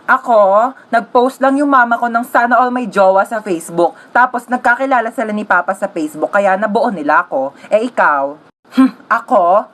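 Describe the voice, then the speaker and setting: A woman acting out every part of her own comedy skits, jumping between shrill yelling and low mock voices. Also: moderate pace. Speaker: comedy sketch creator. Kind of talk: skit acting, playing every part herself.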